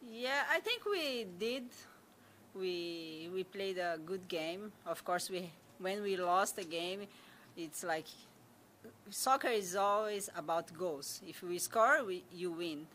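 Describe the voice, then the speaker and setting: A young Brazilian woman answers reporters from behind a stand mic in a press room, speaking English with her Brazilian accent. She talks in a fairly low voice, halting often, repeating words and filling gaps with "like." A faint hum sits under her. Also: lively intonation, pushed and bright. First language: Portuguese. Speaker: national team soccer player. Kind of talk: post-match press conference answers. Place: press conference room with sponsor backdrop. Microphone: stand mic in front of her.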